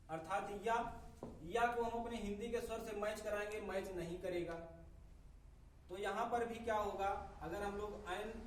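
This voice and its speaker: A man teaching a grammar lesson, explaining slowly and methodically, spelling out sounds one by one. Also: high voice. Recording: echoey room, voice from a distance, faint ambient noise.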